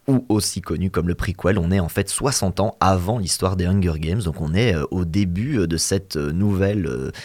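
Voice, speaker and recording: Man, low voice, casual film review chat, opinionated, hesitant. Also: darkish tone. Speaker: podcast co-host.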